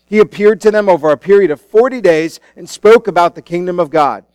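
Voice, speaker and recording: A man's voice: high voice, a little fast, a little mellow, clear, resonant tone, dry recording. A man preaching at a pulpit microphone, teaching the Bible in an informal, conversational sermon style. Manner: informal, asks the congregation questions. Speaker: pastor preaching. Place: church, speaking to congregation.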